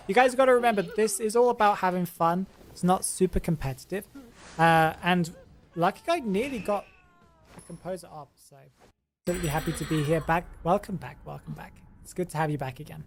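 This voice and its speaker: A game commentator who hosts his own channel chats casually over gameplay at medium pitch, with slight background noise. He thinks aloud and often trails off before restarting a sentence.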